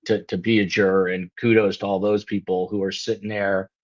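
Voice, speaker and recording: A man's voice: sits low, flat delivery, fairly quick. A man hosting a live show, talking casually and rambling with lots of ums and you-knows over a video call. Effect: video call audio. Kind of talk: casual panel chat on a live stream. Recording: dull lo-fi video call line.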